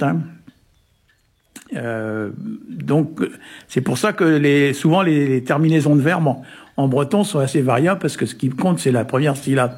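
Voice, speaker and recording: A man from Brittany explaining word meanings in a relaxed, hesitant way, full of little fillers and chuckles. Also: fairly high pitch, husky. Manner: hesitant, many "euh" and "hein" fillers, chuckles often. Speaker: Breton language expert on a radio show. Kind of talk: casual explanatory chat.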